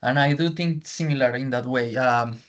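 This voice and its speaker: A native Spanish speaker with a strong accent teaches English in an online feedback session, often restating his points in Spanish. He speaks at normal speed in a mid-range, fairly bright voice, and the video call audio is dull.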